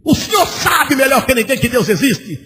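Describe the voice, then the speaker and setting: A pastor preaching a sermon, shouting bursts and a sing-song cadence as he acts out conversations, in an old church recording. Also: extremely high pitch, very animated, normal speed. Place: large church. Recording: old church recording with long hall reverb and faint hiss.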